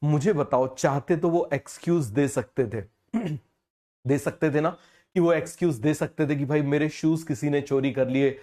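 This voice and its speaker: A man teaching a biology class, unwell with a fever, who keeps asking questions and repeating the answers slowly. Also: a little high, dark tone. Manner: call-and-response questioning, repeats key terms slowly. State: feverish, speaking slower than usual. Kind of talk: online class lecture.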